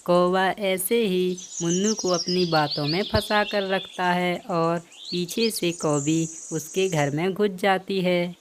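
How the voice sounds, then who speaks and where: A woman narrating a children's cartoon story in a plain, steady way. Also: on the low side, slow, few pauses, noisy background.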